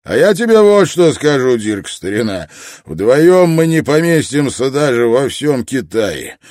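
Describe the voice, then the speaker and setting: A man reading an audiobook, voicing a blunt male trader with a loud, defiant delivery. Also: medium pitch, big pitch swings, fast talker, no echo, studio quality, pitched above the performer's own voice, natural voice.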